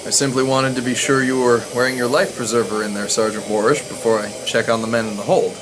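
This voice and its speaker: A man's voice: medium pitch, flat delivery, fast, natural voice. A man playing a dryly witty rabbi and army chaplain, courteous and formal, in an audio drama. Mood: calm, wry. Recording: clear hissing noise behind.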